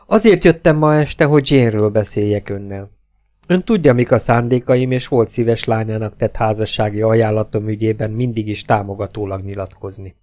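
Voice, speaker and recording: A man voicing an earnest middle-aged male suitor in an audiobook, speaking in a measured, emphatic way. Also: on the low side, a little mellow, natural voice.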